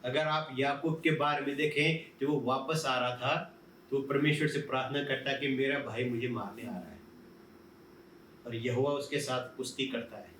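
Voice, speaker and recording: A man's voice: mid-range voice, steady tone, moderate pace, a bit bright, a little hiss or hum. A male pastor preaching a sermon, posing questions and answering them himself. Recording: roomy, from a distance, faint ambience.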